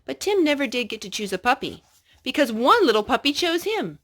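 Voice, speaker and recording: Here a woman gives an expressive, child-directed storybook reading, pausing to clarify parts and quiz her listener. Her voice is pitched high.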